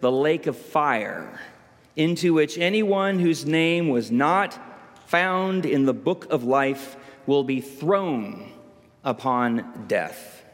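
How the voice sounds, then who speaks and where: A man preaching voices a hooded male stranger who calmly explains the underworld, with a long hall reverb. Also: a little high, slow. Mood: explaining. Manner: calm, explanatory. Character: hooded male stranger guiding through hell.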